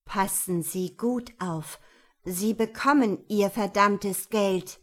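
A woman's voice: mid-range voice, measured pace, darkish tone, natural voice. A woman voicing a desperate, angry woman demanding a loan, tense and insistent. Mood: furious. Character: desperate, angry middle-aged woman borrower.

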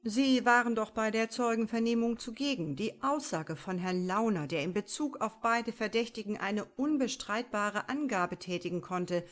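A woman voicing a composed male prosecutor who talks in a measured, formal and faintly mocking way. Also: a little high, close to an everyday voice. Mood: firm.

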